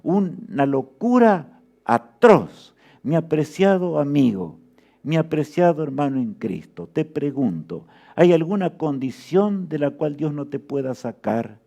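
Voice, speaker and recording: Fervent male preacher, slightly high voice. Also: very animated, measured pace, vocal fry, dark tone. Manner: fervent, asks the listeners rhetorical questions. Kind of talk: sermon.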